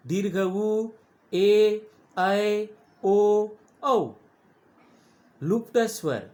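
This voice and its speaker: A children's grammar lesson unfolds at a slow pace as the teacher spells out individual letters and stretches sounds so their length is clear. The voice is mid-range and a little mellow.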